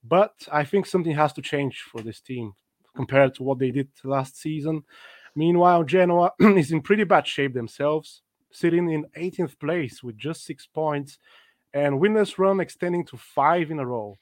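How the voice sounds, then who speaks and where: A man hosts a football betting live stream with upbeat, presenter-style delivery. His voice sits a little high. The sound is close and dry, with no room around it. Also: moderate pace, no room sound. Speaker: host.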